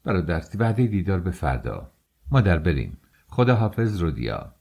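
A man voicing a young woman, a sister who is firm but gentle, in an audiobook. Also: low voice, big pitch swings, vocal fry, slightly rough, full character voice. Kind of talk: audiobook character voice.

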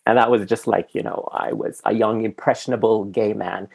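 Slightly husky male podcast host. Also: on the low side, fairly even intonation, a little fast, a little mellow. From Sudan. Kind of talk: conversational film podcast hosting.

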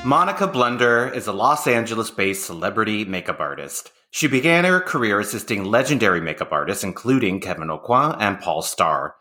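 A man's voice: on the low side, big pitch swings, a little fast, hardly any pauses, pushed and bright, soft background music. A man hosting a podcast interview, reading a guest introduction and then chatting loosely with filler words. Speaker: podcast host, makeup artist. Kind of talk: conversational interview.

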